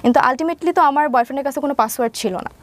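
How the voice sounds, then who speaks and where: A young woman with a Bangladeshi accent speaks at a racing pace in a high-pitched voice. She's an interview guest sharing a personal account, sprinkling English words into her speech.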